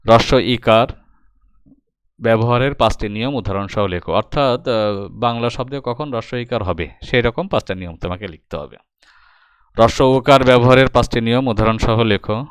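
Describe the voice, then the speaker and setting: A man's voice: mid-range voice, moderate pace, clean tone, no echo, studio quality. A man teaching a recorded exam-prep lesson, patiently explaining step by step and addressing his students directly.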